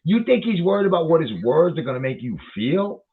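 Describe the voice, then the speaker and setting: A man's voice: a little high, sing-song, brisk. A man ranting in a heated, profane commentary, swearing often and repeating himself as he reacts to a video. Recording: tinny phone-like line.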